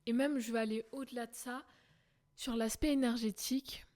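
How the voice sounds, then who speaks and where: A woman's voice: on the high side, fairly even intonation, moderate pace, darkish tone. A young woman hosting a podcast, talking in a casual, earnest monologue with frequent fillers and restarts. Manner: chatty and earnest, frequent fillers and self-repeats. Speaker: podcast host.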